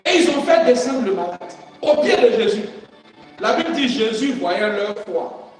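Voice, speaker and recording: Fervent high-voiced preacher in an echoey hall. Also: male voice, big pitch swings, normal speed. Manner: fervent, swings between shouting and quiet; call-and-response with congregation. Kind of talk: sermon. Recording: echoey hall from far off, music.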